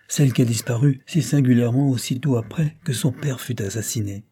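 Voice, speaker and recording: Man reading smug army captain, evasive, mellow husky tone. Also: medium pitch, a little fast, lightly acted. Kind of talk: audiobook character voice.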